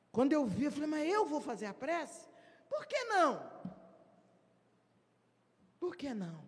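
A woman delivers a spiritist lecture with emphasis, slipping into short acted dialogues to make her points. She speaks slowly and deliberately. Her voice rings with the long reverb of a large hall. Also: high voice. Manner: emphatic, acts out little dialogues.

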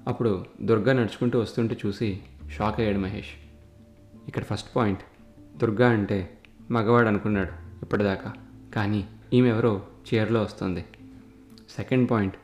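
A man's voice: mid-range voice, darkish tone. A man narrating a spoken story in a chatty manner, speaking straight to his listeners, recorded in an echoey room with faint guitar music.

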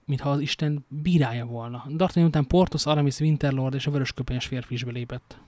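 A man's voice: mid-range voice, mellow, no echo. A man reading a novel aloud, stumbling now and then and adding casual joking asides. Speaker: amateur reader.

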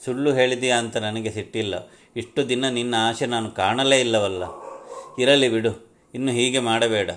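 A man voicing a gentle, forgiving village mother in a spoken story, speaking softly and slowly. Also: mid-range voice, fairly even intonation, a little hiss or hum, natural voice. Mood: tender.

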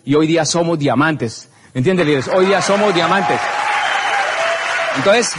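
A man telling an animated story to an audience at a business event, acting out the scenes and calling out to the crowd. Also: on the high side, normal speed, slight background noise. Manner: expressive, acts out scenes and shouts.

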